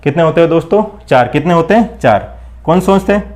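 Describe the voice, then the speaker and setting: A man with a fairly high voice teaches an exam-prep lesson while writing. He drills every point by asking the class and answering it himself. The sound of him writing is heard behind him. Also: lively intonation, fast, darkish tone. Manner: call-and-response drilling, repeats questions and answers; keeps addressing listeners as friends. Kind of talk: blackboard lesson for exam preparation.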